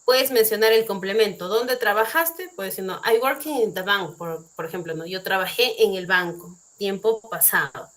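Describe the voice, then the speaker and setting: A Peruvian woman teaches an online English class at a middle pitch. She explains step by step, repeats her examples and tosses in little tag questions. She is recorded on a computer mic at home, with faint crickets behind her. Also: moderate pace, hardly any pauses, a bit bright. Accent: Peruvian Spanish. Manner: explains patiently, asks rhetorical questions.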